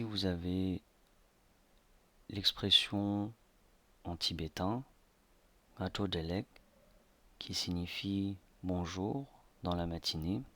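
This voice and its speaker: Slow, hesitant man teaching a lesson. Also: deep voice, pushed and bright, no room sound. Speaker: language teacher. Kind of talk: slideshow lesson narration.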